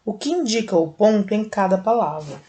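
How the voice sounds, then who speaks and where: A Brazilian woman teacher with a Brazilian Portuguese accent, slowly and patiently explaining a lesson step by step to young children. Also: mid-range voice, expressive, mellow. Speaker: primary school teacher. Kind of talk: recorded video lesson for children.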